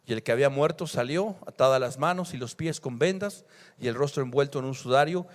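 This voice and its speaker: A male pastor, preaching a sermon that swings between loud emphasis and hushed scripture reading. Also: medium pitch, fairly quick. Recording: long hall reverb.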